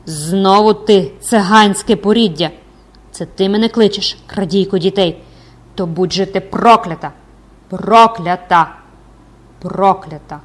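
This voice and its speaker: A bitter, anguished old recluse woman, worn down and grim, breaking into frenzied curses, as a female audiobook narrator puts her on. Her voice sits at a middling pitch. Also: brisk, a little mellow, natural voice. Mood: furious cursing. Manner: grim, cursing in frenzied cries.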